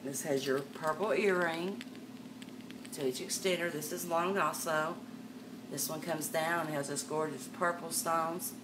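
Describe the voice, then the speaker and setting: An older woman hosts a live sales stream, chatting to viewers in a chatty patter and calling them darling and miss. Her voice is low, steady and a little slow. The webcam mic sits a bit far away, picking up room and background noise.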